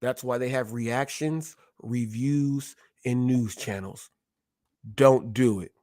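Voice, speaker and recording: A man's voice: mid-range voice, takes it slowly, darkish tone. A man in his forties hosting a live show who stutters, talking in a boastful, confrontational way as he calls out his critics. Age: 40s. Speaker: host. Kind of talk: ranting live-stream commentary.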